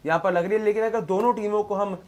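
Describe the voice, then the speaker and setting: A man's voice: high-pitched, steady tone, fast talker, a little mellow. A man hosting a casual cricket preview, moderating and putting questions to the panel. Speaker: host.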